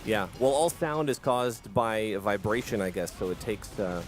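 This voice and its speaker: A man with a Canadian accent hosting a charity live stream, easygoing and quick to laugh at himself. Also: fairly low pitch, lively intonation. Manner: easygoing, laughing, self-deprecating. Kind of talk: casual live-stream chat.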